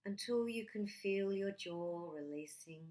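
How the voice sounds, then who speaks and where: A woman with a mid-range voice leads a guided relaxation meditation, gentle and soothing, with long pauses between her short phrases.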